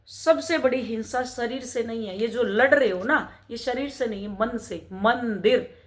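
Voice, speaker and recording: A woman's voice: on the high side, measured pace. A middle-aged woman talking as a spiritual mentor, urging her listeners on with rhetorical questions and repeated calls to keep going. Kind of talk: motivational spiritual talk.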